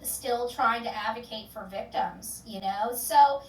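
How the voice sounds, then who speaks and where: Speaking unhurriedly in a slightly high voice, a true-crime channel host chats loosely with viewers, full of fillers and restarts, then closes with loud, upbeat catchphrases. The audio is poor, reverberant, and picked up by a distant mic.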